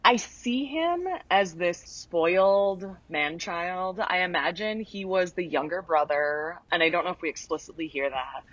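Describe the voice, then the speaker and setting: A woman's voice: lowish voice, measured pace, few pauses, a bit bright, no room sound, lo-fi sound. A woman co-hosting a casual podcast, teasing the others in a dry way. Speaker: podcast co-host. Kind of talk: casual chat.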